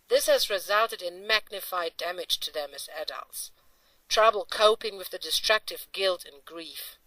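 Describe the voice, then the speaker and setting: A woman's voice: mid-range voice, bright, forceful tone, no echo. A woman reading a formal, earnest scripted narration. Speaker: narrator of an advocacy video. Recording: distant dry voice over faint music.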